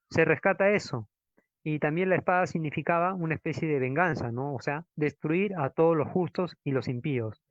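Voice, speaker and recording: Male professor, fairly high voice, dry lo-fi sound. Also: no room sound. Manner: didactic, frequent tag questions, stresses Latin words slowly. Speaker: law professor. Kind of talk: lecture with slides. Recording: dull, dry lo-fi lecture recording.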